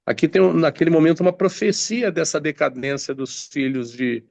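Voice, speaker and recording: A man's voice: fairly high pitch, fairly even intonation, normal speed, vocal fry, a little mellow, dry recording. A man preaching a sermon, reading scripture aloud and explaining it with many hesitant fillers and restarts.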